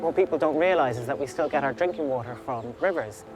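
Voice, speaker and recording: A man's voice: mid-range voice, quick pace. A man leading a river clean-up, earnestly explaining to camera outdoors by a river. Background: music.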